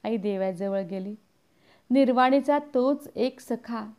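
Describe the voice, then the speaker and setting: A woman narrating a storybook in a measured, scripted reading. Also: a little high, warm tone. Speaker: audiobook narrator.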